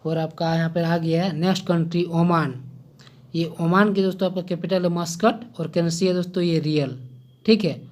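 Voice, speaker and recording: A man runs a casual general-knowledge exam-prep lesson for his viewers in an easy, chatty way, often checking in with a quick "okay?" His voice is a little high, steady and darkish, and he sometimes pauses to find his place.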